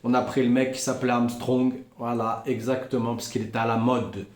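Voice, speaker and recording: A man giving an informal Torah lesson, animated, repeating phrases and acting out little voices. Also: medium pitch, fairly quick, roomy sound. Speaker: Breslov teacher.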